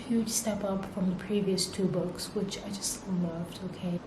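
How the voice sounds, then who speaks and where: A young book vlogger whose first language is Arabic chats casually and excitedly about what she's reading, gushing in a mid-range voice. She keeps tacking "okay?" and "like" onto her sentences, recorded in an echoey room with noticeable background noise.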